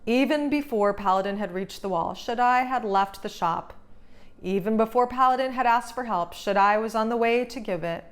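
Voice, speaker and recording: A woman's slightly high voice carries a children's storybook read-aloud, where she acts as host. She moves at normal speed and narrates in a dramatic, expressive way.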